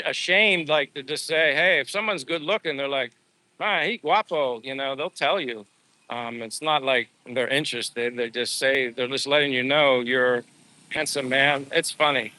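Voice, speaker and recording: Walking outdoors, a livestream host chats casually and ramblingly with his viewers, calling them bro and dudes in a buddy-like way. His voice is a little high and sharp, with no room sound.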